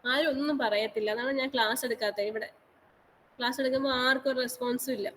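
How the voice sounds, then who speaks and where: Brief: woman lecturer on an online class call, higher pitch, repeats every instruction, faint background noise. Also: steady tone, quick pace, a bit bright, poor audio. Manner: repetitive, instructive, mixes English terms into speech. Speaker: college teacher.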